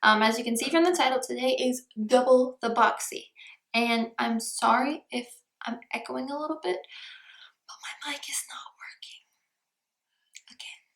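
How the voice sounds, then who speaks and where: Woman, high voice, gravelly fry, chatty unboxing, echoey room without a proper mic. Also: moderate pace. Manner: chatty, often drops to a soft near-whisper. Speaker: beauty vlogger. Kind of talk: casual unboxing chat.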